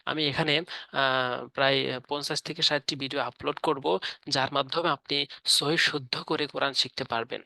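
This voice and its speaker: A man teaching how to recite, explaining in plain speech and then chanting verses slowly with long drawn-out vowels. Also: medium pitch, steady tone, vocal fry, sharp tone, no echo. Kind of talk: spoken lesson with slow chanted recitation. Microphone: audio only, no camera.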